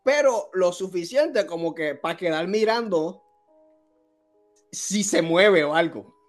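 A man on a podcast, telling a spooky childhood story in a casual, animated, self-mocking way. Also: high-pitched, takes it slowly, soft background music. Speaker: podcast co-host.

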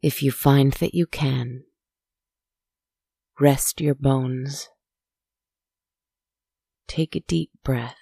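Low, creaky, hushed woman's soothing storytelling. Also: fairly even intonation, no echo, studio quality. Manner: slow, deliberate, poetic phrasing. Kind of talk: soft, scripted guided relaxation storytelling.

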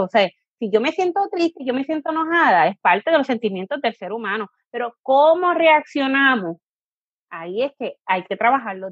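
A fairly high-voiced woman explains parenting ideas as an interview guest. She talks in an explanatory way and now and then acts out a parent or a child. The sound is dull and lo-fi, with a dry and close room. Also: breathy edge, no echo. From Puerto Rico. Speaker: positive discipline educator and coach. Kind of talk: interview answers.

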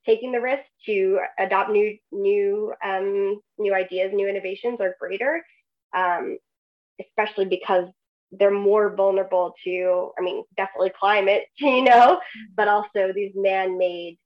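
A woman's voice: medium pitch, fairly even intonation, normal speed, lo-fi sound. A woman, a guest expert, talking casually with many fillers and laughing through serious points. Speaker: guest researcher in agriculture. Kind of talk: casual podcast conversation.

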